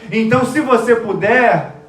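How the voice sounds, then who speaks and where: A high-pitched man preaches with emotion, dropping his voice on key words. He is heard from a distant mic. The room is echoey, with a faint hum behind. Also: unhurried. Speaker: pastor. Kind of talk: sermon. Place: church sanctuary.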